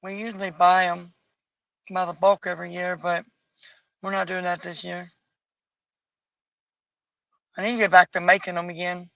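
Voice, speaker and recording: A woman streaming from home, chatting casually and musing aloud as she colors, with a bit of rough morning voice. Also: medium pitch, pushed and bright, no echo, dull audio. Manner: muses aloud, picky and chatty, folksy asides. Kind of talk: casual chat while coloring. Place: home at night.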